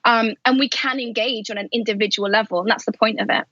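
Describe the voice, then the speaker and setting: Speaking fast in a steady, rather high and slightly bright voice, this woman is interviewed remotely from a London house about her work as a journalist and podcast host. She grew up in Afghanistan, Pakistan and Saudi Arabia and talks with candor and animation. There's no room sound, and the highs are cut off.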